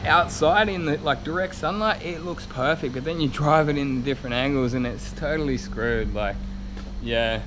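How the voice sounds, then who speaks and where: A slightly high-voiced man in his thirties talks at normal speed in a casual, rambling, blokey walkaround vlog of a large workshop. He is a car spray painter and YouTube vlogger, and the action camera he holds at arm's length captures clear workshop noise.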